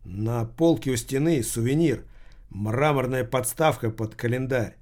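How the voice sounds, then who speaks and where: A man narrating a crime novel audiobook in a steady, measured reading voice. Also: medium pitch.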